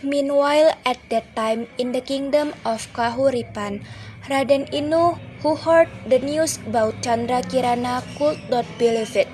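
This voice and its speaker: A young woman narrates a school drama with an Indonesian accent, reading in a steady, plain way. Her voice is high, with faint noise in the background. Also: moderate pace, low-quality recording. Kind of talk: read-aloud story narration.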